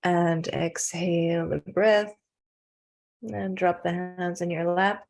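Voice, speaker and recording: Slow, gravelly-voiced woman guiding meditation. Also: lowish voice. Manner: slow, calm, soothing guidance with long pauses. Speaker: meditation teacher. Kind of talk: guided meditation instruction.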